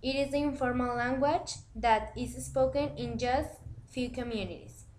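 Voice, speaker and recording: A woman presenting a scripted language lesson, reading it aloud in a deliberate way. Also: sits high, steady tone, a little mellow, slight background noise, low-quality recording.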